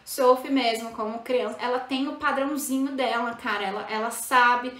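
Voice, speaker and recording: Brazilian woman educator, high bright voice, chatty tag-question delivery, roomy echoey room. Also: steady tone, normal speed. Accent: Brazilian Portuguese. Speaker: bilingual parenting educator. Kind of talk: casual explanatory talk to parents.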